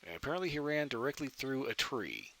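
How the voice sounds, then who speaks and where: A man's voice: mid-range voice, very animated, fast, vocal fry, pushed and bright. A man giving casual, self-deprecating gameplay commentary as host, thinking aloud, with a cave-like echoey recording. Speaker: gaming video host. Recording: cave-like echoey sound, background noise.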